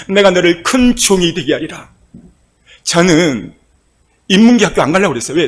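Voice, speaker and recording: A male pastor preaching a sermon with passion, moving from soft, quiet passages to loud cries. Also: high voice. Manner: impassioned preaching, swinging from soft to shouting.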